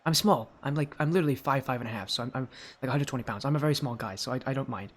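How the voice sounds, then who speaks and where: A teenage esports caster with a high, youthful voice races through live stream chat and play-by-play of a video game match. He gets loud and excited whenever there's a goal.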